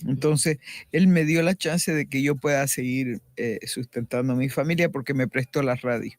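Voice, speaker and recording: A woman's voice: rumbling low, normal speed, no room sound. Middle-aged woman, radio guest, earnest faith testimony, reflective, dry close studio sound. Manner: earnest, reflective storytelling with frequent restarts.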